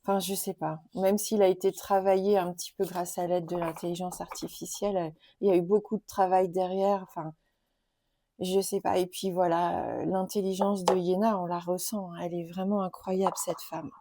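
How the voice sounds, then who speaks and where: Mellow-voiced chatty woman showing tarot cards. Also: lowish voice, flat delivery, moderate pace, slight background noise. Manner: chatty, many fillers and "hein"; gentle, enthusiastic about nature and cards. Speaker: tarot and oracle card youtuber. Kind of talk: casual card-showing tag video.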